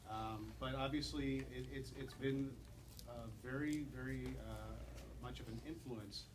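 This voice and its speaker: A man moderating a Q&A, asking a long question full of pauses and restarts. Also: medium pitch, steady tone. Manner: hesitant, many fillers and restarts. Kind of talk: interview question. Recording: distant event recording with noise.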